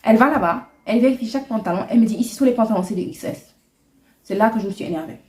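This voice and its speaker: A woman's voice: fairly high pitch, very fast, a little mellow. Chatty young woman, roomy sound. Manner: chatty and indignant, mixing in English and Wolof. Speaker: vlogger. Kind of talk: storytime vlog. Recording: echoey room.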